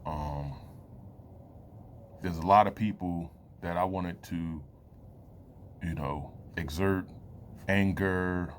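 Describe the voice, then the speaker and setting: A man in his late thirties giving a reflective personal talk to camera, loose and halting, with many fillers and pauses. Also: sits low, a bit bright, a little hiss or hum. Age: 30s. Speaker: vlogger.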